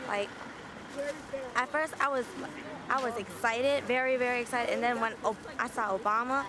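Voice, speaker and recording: A woman attendee recalls the event in a high voice, gushing about how it felt. Background noise and passing vehicles can be heard behind her. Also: steady tone, moderate pace. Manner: gushing, with repeated "oh my gosh". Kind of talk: excited recollection.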